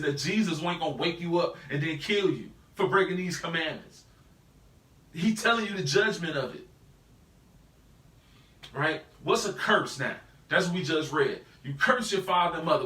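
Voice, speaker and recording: An American man leads a live Bible study in a loose, slangy style, animated and forever tossing a rhetorical "right?" at his listeners. His voice sits high, and he's picked up from a distance in an echoey room.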